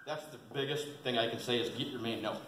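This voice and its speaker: A man with a bright, forceful voice gives a folksy instructional talk, repeating key points in plain words. He is picked up from a distance in a roomy space, with faint noise behind him. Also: mid-range voice, quick pace. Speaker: seminar presenter, experienced waterfowl hunter. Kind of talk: informal instructional talk to a group. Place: indoor seminar at a museum.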